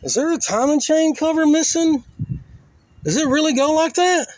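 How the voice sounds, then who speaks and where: The host of a car crushing vlog has an extremely high-pitched, slightly mellow voice and speaks at a moderate pace, with no echo. He walks around an outdoor junkyard chatting casually and colloquially in a folksy manner, half to himself. It's handheld phone or camera audio with an operator behind it and faint outdoor noise.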